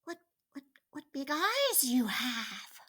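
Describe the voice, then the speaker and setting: A woman's voice: very high voice, big pitch swings, extremely slow, fairly bright tone, pitched above the performer's own voice, full character voice. A woman voicing an innocent, anxious little granddaughter in a storybook, hesitant and wondering, stretching out words. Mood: uneasy wonder.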